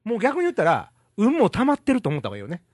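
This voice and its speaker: A middle-aged man with a Kansai accent, co-hosting a casual radio chat with quick, laughing banter. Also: sits high, wildly swooping pitch, darkish tone, dry recording, studio quality. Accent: Kansai Japanese. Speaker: co-host.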